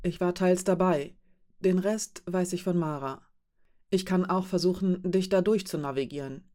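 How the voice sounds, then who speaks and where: A gentle, comforting companion from a storybook, read by a woman narrator. The voice sits low and soft, patient and reassuring. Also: normal speed, lightly acted. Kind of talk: audiobook character voice.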